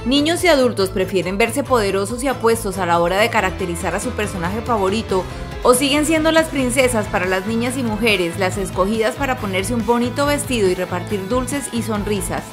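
A woman reporter reading a scripted news voice-over in an upbeat, even manner. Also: mid-range voice, brisk. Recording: music bed behind voice-over.

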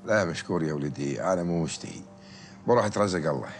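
An actor in his fifties playing a gentle, devout working-class father in a TV drama, with a Gulf Arabic accent and fatherly manner. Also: deep voice, lively intonation, rapid-fire, vocal fry, faint music behind. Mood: fatherly, calm. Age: 50s. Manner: fatherly, addresses listener as son, blessing phrases. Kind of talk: naturalistic TV drama acting.

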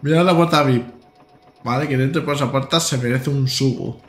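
A man's voice: mid-range voice, normal speed, roomy sound, slight background noise. A man in his thirties from Spain, chatting casually and joking as he drives a train in a live-streamed simulator game. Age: 30s. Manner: joking and rambling, with stammered restarts and bursts of laughter. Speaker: gaming streamer.

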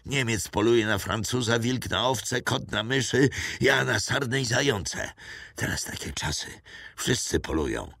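A man's voice: mid-range voice, expressive, unhurried, fairly bright tone, no room sound, studio quality, voice pushed up. A man reading an audiobook, voicing a rambling old male French poacher with a raised, strained old voice and a grumbling, folksy way of talking. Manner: grumbling, rambling folk philosophy. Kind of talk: audiobook character voice.

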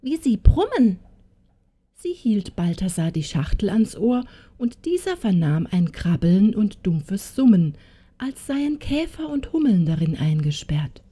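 A woman narrating a fairy tale audiobook in a slow, expressive way. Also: medium pitch, husky.

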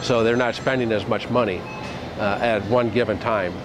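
A middle-aged man speaking quickly and briskly in an interview inside a grocery store. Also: on the low side, fairly even intonation. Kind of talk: interview answer. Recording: noisy store ambience.

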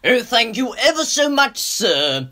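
A woman's voice: on the high side, big pitch swings, unhurried, pushed and bright, heavily acted. A woman voicing a vain, melodramatic talking steam engine in a theatrical, exclamatory way for a hobby train cartoon. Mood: proud. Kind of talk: hobby animated train-story dialogue.

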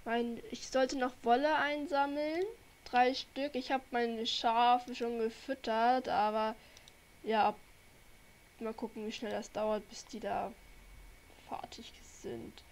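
A young German woman with a cold hosts her gaming channel, rambling chattily to viewers as she plays. Her voice is a little high with little pitch movement, and she speaks slowly. It's casual gameplay commentary picked up on a desk microphone.

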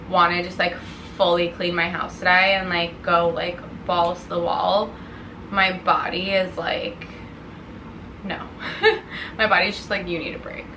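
A young woman vlogging from her living room couch, tired and chatty, talking casually and saying "like" a lot. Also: on the low side. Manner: relaxed, chatty, heavy use of "like". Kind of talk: casual vlog chat. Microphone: camera on a tripod. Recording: roomy home recording with faint hiss.

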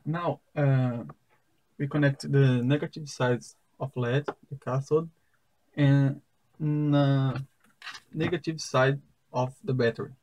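A young man with a Brazilian Portuguese accent, a native Portuguese speaker, explains a simple circuit step by step in careful, halting English at a wooden table indoors. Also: mid-range voice, fairly even intonation, darkish tone, low-quality recording. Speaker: science fair project demonstrator.

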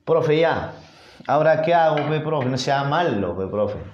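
A man's voice: animated, unhurried, dull audio, slight background noise. A man with a Peruvian accent voicing a cheeky young male student who pleads with his teacher in a whiny voice. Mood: pleading cheeky. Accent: Peruvian Spanish. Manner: whiny, pleading, higher-pitched. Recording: roomy echoey classroom sound.

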